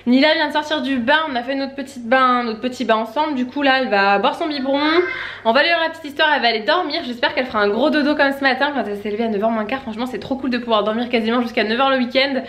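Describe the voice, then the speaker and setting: A young woman talks to her camera at home in a breezy, rambling way, full of little fillers. She speaks quickly in a slightly high voice. Her tone is casual and chatty, like a family vlog. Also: fairly bright tone. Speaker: family vlogger. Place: at home, indoors.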